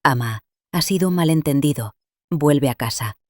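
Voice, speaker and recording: A woman's voice: low-pitched, lively intonation, moderate pace, dry recording, clean studio sound. A woman reading a grasping grown son. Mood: tense. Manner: forced softness over suspicion.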